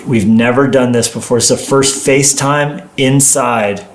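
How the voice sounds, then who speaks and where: A man's voice: mid-range voice, steady tone, measured pace, noisy background. A man chatting casually as co-host of a livestream, telling stories in a playful, rambling way. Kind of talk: casual livestream chat with partner. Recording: roomy, echoing indoor sound.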